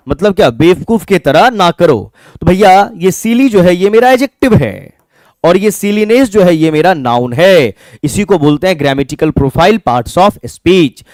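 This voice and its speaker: A man's voice: on the high side, a little mellow, no room sound, studio quality. A man teaching English for an exam, explaining step by step and asking and answering his own questions. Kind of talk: classroom lecture.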